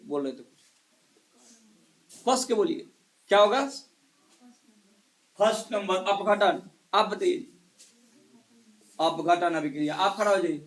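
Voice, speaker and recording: A male chemistry teacher in a live class, quizzing students one by one and hushing the noisy ones. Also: high-pitched. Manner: quizzes students one by one, scolds and hushes them. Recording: echoey classroom.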